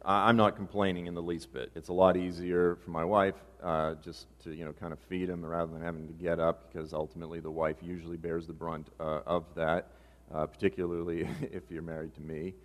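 Pastor with a low voice in a reverberant church. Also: male voice, flat delivery, brisk. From Boston area. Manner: casual, joking asides. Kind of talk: sermon. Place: church sanctuary.

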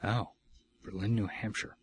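A man's voice: lowish voice, slightly rough. A man co-hosting a podcast, reacting and chatting casually through a movie commentary. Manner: animated, chatty, quick reactions. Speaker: podcast co-host.

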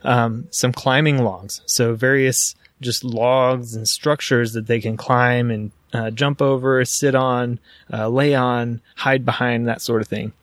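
A man's voice: mid-range voice, steady tone, takes it slowly, hardly any pauses, no room sound. Man, podcast host, eager rambling talk, dry close sound. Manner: enthusiastic, rambling with fillers. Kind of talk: casual solo podcast talk.

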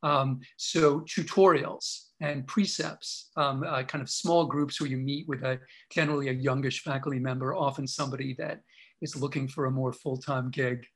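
A man's voice: mid-range voice, fairly even intonation, moderate pace, a bit bright, low-quality recording. A man answering interview questions as an author and historian, talking at length with many fillers and restarts.

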